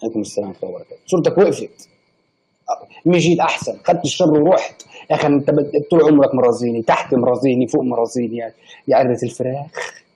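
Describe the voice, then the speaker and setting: A man's voice: medium pitch, rapid-fire, mellow, poor audio. A young man with an Egyptian accent, hosting a casual live stream and teasing his chat with mock-angry banter. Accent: Egyptian Arabic. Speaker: livestream host.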